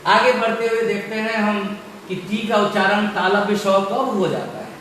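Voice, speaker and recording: A man teaching an English pronunciation lesson, explaining each rule slowly and repeating it with emphasis. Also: high voice, a bit bright, a little hiss or hum. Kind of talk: classroom-style pronunciation lesson. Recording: far from the mic in a very echoey room, faint ambience.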